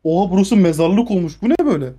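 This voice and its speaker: A woman gaming YouTuber chatting casually during gameplay, often shouting in exasperation. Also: lowish voice, lively intonation, fast talker, husky.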